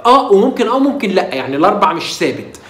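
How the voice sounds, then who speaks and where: A middle-aged man with an Egyptian Arabic accent, hosting a casual health talk and lecturing viewers with animated rhetorical questions. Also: sits high, very fast, reverberant. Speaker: health channel host.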